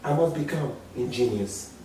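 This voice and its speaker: A man's voice: animated, normal speed, a little hiss or hum. Man with an African accent, dramatic speech. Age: 40s. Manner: dramatic, emphatic, swings from low murmurs to loud high exclamations. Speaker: public speaker. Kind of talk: motivational speech. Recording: very echoey hall, mic far off.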